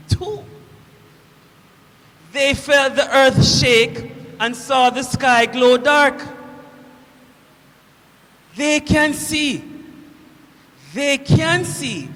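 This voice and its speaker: A very high, bright voice rings through a long hall reverb as a man on stage plays a proud Roman centurion in a theatrical church monologue. Commanding and declamatory yet shaken by guilt and dread, he sounds awed and remorseful. His heavily acted delivery comes in slow, weighted phrases broken by dramatic pauses.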